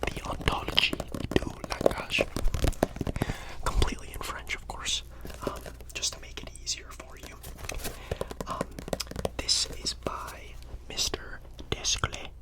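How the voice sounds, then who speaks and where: Hushed library whisper, someone playing an easygoing pushy librarian, whispered role-play, repeats stuff softly. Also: slow pace, pauses often, close to an everyday voice. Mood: hushed, helpful. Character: casual, easygoing, slightly pushy librarian recommending books.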